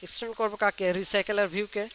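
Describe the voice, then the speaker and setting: A man's voice: high voice, flat delivery, very fast. A man teaching a live online programming class, explaining step by step and quizzing his students with questions. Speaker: programming instructor. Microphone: computer mic on a video call. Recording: faint background noise.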